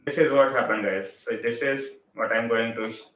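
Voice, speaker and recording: A man's voice: mid-range voice, normal speed, fairly bright tone, roomy sound, poor audio. Chatty Indian-accented man on a live stream. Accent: Indian English. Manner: chatty, mixes Hindi into English, reads out and greets viewers by name. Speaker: football live-stream host. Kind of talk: casual live-stream chat.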